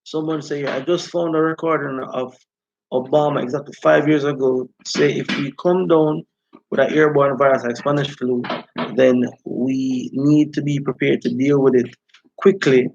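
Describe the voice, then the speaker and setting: Guy doing live rasta style commentary, creaky voice, kinda dull lo-fi audio. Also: mid-range voice, steady tone, moderate pace, noisy background. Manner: repeatedly checks listeners follow. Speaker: host of a live talk stream. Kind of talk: informal live commentary, reading out viewer comments.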